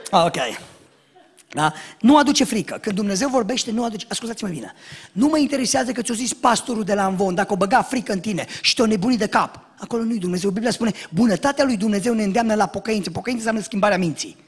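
A man preaching a sermon as pastor, telling jokes and acting out shouted lines and dialogue. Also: sits high, husky. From Romania. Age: young adult. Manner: animated storytelling, acts out shouts and dialogue, jokes.

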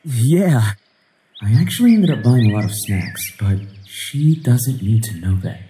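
A man's voice: mid-range voice, sing-song, unhurried, mellow, a little hiss or hum. A man in his twenties voicing a joking, playful young husband in an indie game, teasing and wisecracking. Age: 20s.

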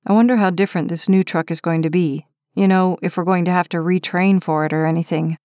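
A woman's voice: lowish voice, steady tone, fast talker, darkish tone, dry recording, clean studio sound, natural voice. A woman reading the part of an injured young firefighter who talks in a timid, matter-of-fact way. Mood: plain. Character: injured young firefighter man, frustrated but gentle. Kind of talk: audiobook character reading.

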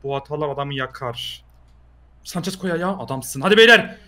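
A man's voice: a little high, lively intonation, moderate pace, pushed and bright. A young man playing a football video game against a friend, joking, mocking him and cheering on his own players. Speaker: opponent player. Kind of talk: casual gameplay banter.

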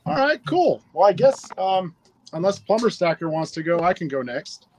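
Upbeat, slightly high-voiced man. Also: very animated, normal speed, noisy background. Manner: upbeat, chatty. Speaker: livestream giveaway host. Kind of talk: casual live stream chat. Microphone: phone.

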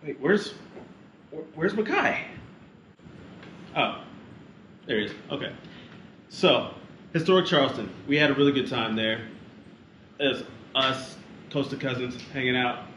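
In an echoey room with constant background noise, a man with a mid-range voice talks at a measured pace and pauses often. Chatting casually for a family travel vlog, he reads out facts and playfully teases a child.

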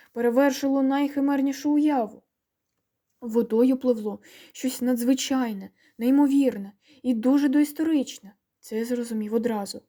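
A woman reading a children's audiobook aloud with expressive, dramatic storytelling. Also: on the high side. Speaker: audiobook reader. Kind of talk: audiobook narration.

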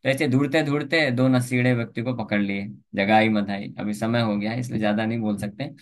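A man's voice: medium pitch, steady tone, a little fast. A man giving a Hindi scripture lecture, telling a story and acting out its characters' lines with a lifted voice. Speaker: preacher.

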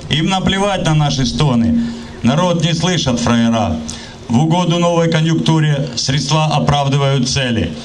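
Middle-aged man declaiming verse, noisy outdoor recording. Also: medium pitch. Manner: emphatic, measured line-by-line delivery. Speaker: poet reciting at a rally. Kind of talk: declaimed patriotic poetry recital. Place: outdoor city rally, open square. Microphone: handheld microphone, filmed from the crowd. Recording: noisy outdoor public address, ambient noise.

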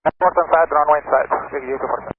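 A man's voice: on the high side, fairly even intonation, racing, husky, no room sound. A man, an airline pilot, making clipped emergency calls in broken phrasing through a cockpit headset mic over the aircraft radio. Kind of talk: emergency radio call to air traffic control. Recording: tinny radio transmission with faint static.

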